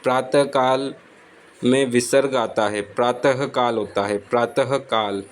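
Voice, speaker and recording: A man teaching exam spelling, saying each word slowly and repeating it for his students. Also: medium pitch, fairly even intonation, slight background noise, low-quality recording. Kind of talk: slow spelling lesson.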